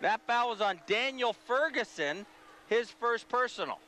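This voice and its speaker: A man calling basketball play-by-play, rapid and excitable as he follows the action. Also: extremely high pitch, a little hiss or hum. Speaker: play-by-play commentator.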